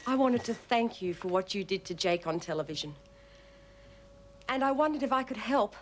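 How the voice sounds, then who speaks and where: An actress playing an eager, confident office ally in a television drama. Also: female voice, mid-range voice, lively intonation, moderate pace, slight background noise, close to an everyday voice.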